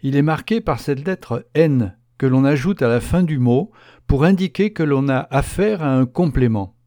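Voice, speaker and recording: A man presenting a scripted radio language lesson, explaining slowly and clearly with a lightly playful touch. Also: medium pitch, expressive, warm tone, no room sound, clean studio sound. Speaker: language teacher.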